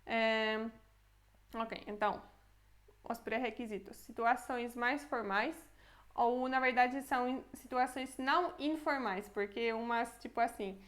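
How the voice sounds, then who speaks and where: A young Brazilian woman explains a language lesson with steady patience. Her voice sits a touch high, and she slows right down whenever she repeats a phrase so the learner can follow. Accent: Brazilian Portuguese. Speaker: language teacher. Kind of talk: Polish lesson explained in Portuguese.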